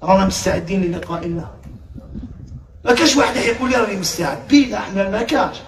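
A man with an Algerian accent preaching to a live crowd, passionate, swinging from shouts down to hushed tones. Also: high voice, animated, fast talker, reverberant, distant mic, a little hiss or hum. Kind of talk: sermon to a live audience.

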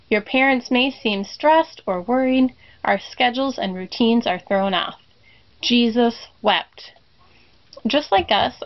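Woman, middle-aged, higher voice, children's sermon reflection, deliberate repeated refrain, dull lo-fi sound. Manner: slow, deliberate repetition of a refrain. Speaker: congregation member giving a reflection.

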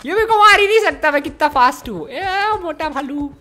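A man hosting a let's-play, giving excited commentary while yelling taunts and making playful sound effects. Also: very high voice, brisk, a little hiss or hum. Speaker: gaming channel host. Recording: game audio with background music.

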